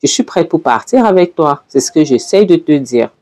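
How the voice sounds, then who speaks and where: A woman's voice: low-pitched, animated, moderate pace, dark tone, faint music behind. A woman voicing an upset sixteen-year-old girl who keeps begging her mother not to leave. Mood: determined. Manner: pleading, insistent.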